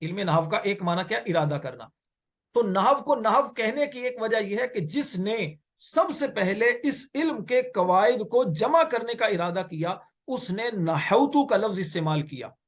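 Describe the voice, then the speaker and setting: A man's voice: sits high, expressive, a little slow. A man lectures on Arabic grammar. He explains step by step, repeats his key phrases and poses questions that he then answers himself. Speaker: Islamic teacher of Arabic grammar. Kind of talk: classroom lecture.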